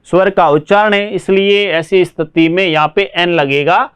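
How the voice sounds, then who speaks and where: Higher-pitched Indian man teaching English. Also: fairly even intonation, a bit bright, clear, resonant tone. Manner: explains slowly, checks understanding with frequent rhetorical questions. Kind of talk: classroom lesson.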